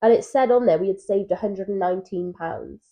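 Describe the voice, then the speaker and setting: Mellow-voiced woman chatting on a podcast. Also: mid-range voice, brisk. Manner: chatty storyteller, animated asides. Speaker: podcast co-host. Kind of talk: casual chat. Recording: dull lo-fi mic sound.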